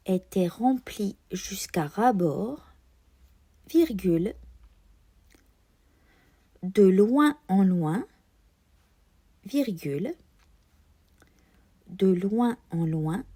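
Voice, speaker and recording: A woman dictates a text like a schoolteacher, extremely slowly and deliberately. Her tone is soft and mellow, with careful articulation. The pitch moves expressively through each measured phrase. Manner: careful, deliberate enunciation with marked liaisons. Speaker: teacher giving a dictation. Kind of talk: dictating slowly, repeating phrases and speaking punctuation aloud.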